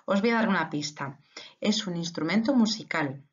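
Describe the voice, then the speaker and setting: A woman teacher giving a recorded lesson to young schoolchildren, playful and expressive as she recites riddles and tongue twisters. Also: on the low side, moderate pace, muffled recording. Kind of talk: recorded remote lesson for children.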